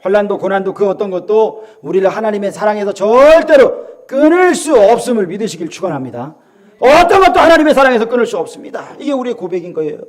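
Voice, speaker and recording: A middle-aged man from South Korea preaching a sermon as pastor, dramatic, swinging from loud calls to hushed asides and acting out the voices of others. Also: sits high, big pitch swings, fast talker.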